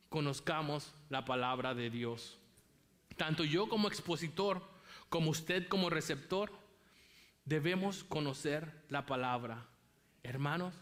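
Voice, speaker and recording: A man's voice: on the high side, fairly bright tone. A man preaching a sermon as pastor, emphatic and repeating key phrases for weight.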